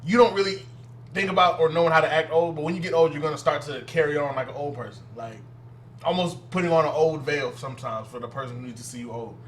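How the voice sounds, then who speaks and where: A man's voice: a little high, fast talker, a little hiss or hum. A man co-hosting a casual podcast chat, rambling loosely and laughing often. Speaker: podcast co-host.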